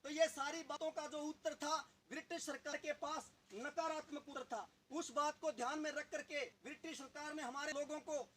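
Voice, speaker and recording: A man's voice: extremely high pitch, steady tone, moderate pace, hardly any pauses, fairly bright tone, a little hiss or hum. A man giving a political speech to a village gathering, asking the audience rhetorical questions. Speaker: local party leader.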